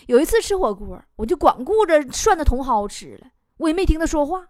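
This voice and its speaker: A woman's voice: sits high, very animated, fairly quick. A young woman, hosting a comic storytelling monologue in a brash, teasing way. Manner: brash, teasing, bursts into shouting. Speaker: talk show host. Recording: loud background noise.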